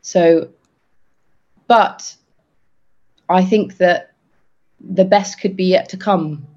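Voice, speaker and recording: A man co-hosting a podcast, talking earnestly and haltingly with many restarts. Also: sits high, fairly even intonation, darkish tone. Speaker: podcast co-host. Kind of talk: casual podcast chat. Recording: dull lo-fi sound.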